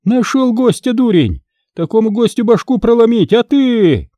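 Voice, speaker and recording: A man voicing a shrill, furious peasant wife who screeches and scolds. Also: very animated, normal speed, mellow, no echo. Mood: furious scolding. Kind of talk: audiobook character reading.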